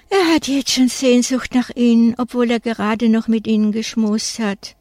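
Female audiobook narrator, slow, clear read, dry sound. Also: medium pitch, darkish tone, no room sound.

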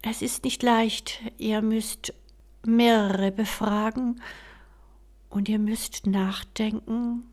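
A woman voicing a calm, wise rain fairy who speaks in a measured, soft whisper, as whispered role-play. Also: on the high side. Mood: instructive.

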